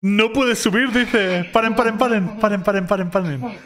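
A man comments on funny clips in a quick, jokey way, often closing with a questioning "eh". His voice sits fairly high for a man. Loud music plays behind him. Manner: jokey, exclaims often, frequent tag questions. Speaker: meme reaction youtuber. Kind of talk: casual reaction commentary.

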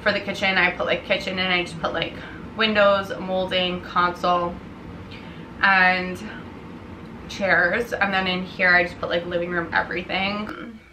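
Lounging on her living room couch, a tired young woman chats casually for her vlog, relaxed and dropping "like" again and again. She speaks fairly low and a little slowly; a tripod-mounted camera captures the roomy, faintly hissy audio.

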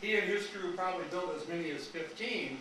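Male speaker, 60s, American Midwestern, projected coach's voice, slightly high, folksy public talk, very echoey room. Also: fairly quick, pushed and bright, far from the mic. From rural Wisconsin, USA. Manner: informal, folksy, rambling asides. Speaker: lecturer, retired history teacher. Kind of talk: informal public talk to a live audience. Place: community meeting room, indoors. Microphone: no microphone, picked up from across the room. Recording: echoey room from afar, faint noise.

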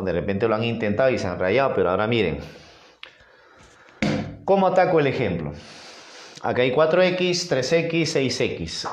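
A man with a Peruvian accent teaching a geometry review lesson at a whiteboard, playful and coaxing with his students. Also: medium pitch. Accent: Peruvian Spanish. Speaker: math teacher. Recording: roomy echoey room sound.

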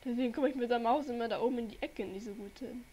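A young German woman talks fast in a warm, slightly high voice while playing on her gaming channel, even though she has a cold. She keeps up a chatty, rambling stream of casual gameplay commentary for viewers. Her desk microphone picks up a little hiss or hum.

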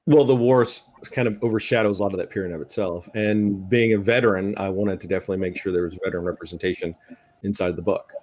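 A middle-aged military veteran and writer speaks earnestly as a discussion panelist over a video call from an indoor room at home. His voice is low and darkish with a steady tone and a quick pace.

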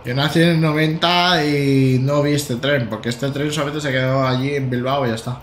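A man's voice: mid-range voice, steady tone, normal speed, reverberant, a little hiss or hum. A man in his thirties from Spain, chatting casually and joking as he drives a train in a live-streamed simulator game. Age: 30s. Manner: joking and rambling, with stammered restarts and bursts of laughter. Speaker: gaming streamer.

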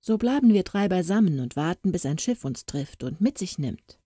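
A woman voicing an upright gentleman passenger aboard a ship, earnest and indignant, in a storybook reading. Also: lowish voice, sing-song, moderate pace, no echo, clean studio sound, voice pushed up.

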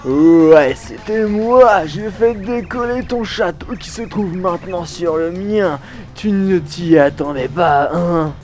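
A man voicing a gloating, brutish male monster king who drags out slow, smug taunts. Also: high voice, darkish tone, soft background music.

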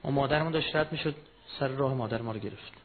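Gravelly man preaching, tinny lo-fi sound. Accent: Persian of Iran. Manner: swings from low murmured storytelling to loud impassioned rising cries. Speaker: religious speaker. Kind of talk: mourning sermon with personal story. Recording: tinny phone-like recording with faint noise.

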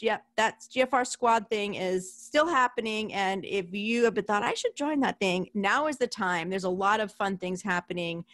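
A woman hosting a casual podcast interview, chatty and quick to laugh, with casual swearing. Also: a little high, fairly bright tone. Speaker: podcast host.

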